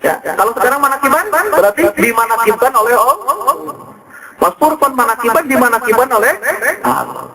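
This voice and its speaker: A man's voice: expressive, a little fast, bright, forceful tone, rough recording. A man, preaching a sermon as a kiai and telling stories with acted dialogue. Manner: storytelling with acted dialogue, wide swings in pitch. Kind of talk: religious sermon to congregation.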